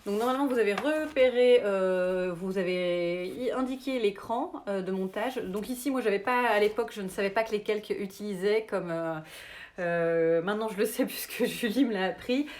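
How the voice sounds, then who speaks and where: Woman sewing instructor, English accent, casual filler-heavy delivery, echoey room. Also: medium pitch. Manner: relaxed and chatty, many fillers. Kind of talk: live sewing tutorial.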